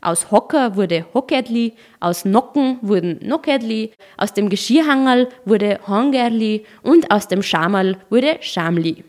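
A woman giving scripted documentary narration in a clear, explanatory and lightly playful way. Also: a little high, lively intonation, a little slow, few pauses, darkish tone.

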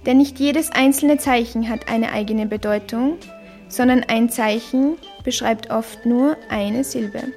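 A woman calmly narrating a scripted lesson, carefully demonstrating sounds. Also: a little high, soft background music. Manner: slow, careful, demonstrates tones clearly. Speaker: language teacher.

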